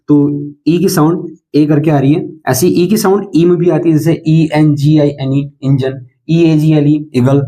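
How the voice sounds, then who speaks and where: Male teacher, slightly high pitch, mellow tone, patient step-by-step explainer. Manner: patient, spells words out letter by letter. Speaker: English pronunciation teacher. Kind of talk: explanatory lesson in Hindi.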